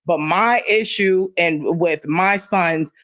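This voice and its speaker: A woman's voice: lowish voice, takes it slowly, fairly bright tone, no room sound. A middle-aged woman talking in a casual livestream chat, impassioned and emphatic, often repeating herself for stress.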